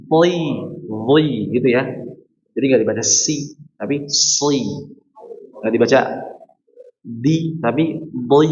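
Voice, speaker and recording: A man's voice: medium pitch, a little mellow, slight background noise. Male recitation teacher from Indonesia, chant-and-explain style, roomy and muffled mosque sound. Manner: alternates melodic chanted recitation with quick explanations. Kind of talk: tajwid lesson with chanted recitation. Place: mosque hall. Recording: muffled, echoey mosque hall.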